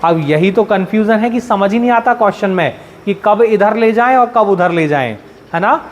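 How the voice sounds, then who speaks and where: Lecturing his class, a man from central India speaks in an animated, high-sitting voice at a normal speed, with a little hiss or hum on the recording. He walks through ideas step by step with everyday examples, constantly quizzing his students.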